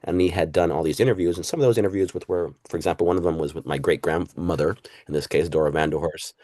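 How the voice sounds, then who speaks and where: A man's voice: low-pitched, fast, warm tone, no echo. A man from Puerto Rico talking as a guest historian in an interview, reflective, with many fillers and asides. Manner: reflective, uses fillers and "right?". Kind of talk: casual interview talk.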